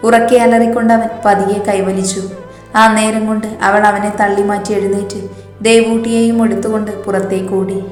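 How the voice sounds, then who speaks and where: A woman narrating a scripted romance story in an even storytelling manner, in a roomy recording with faint background music. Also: mid-range voice, normal speed.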